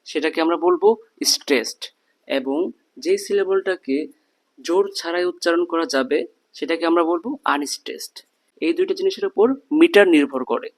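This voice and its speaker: A man's voice: a little high, rough recording. A young man teaching an English lesson, patiently repeating words and breaking them into syllables. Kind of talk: explanatory lesson.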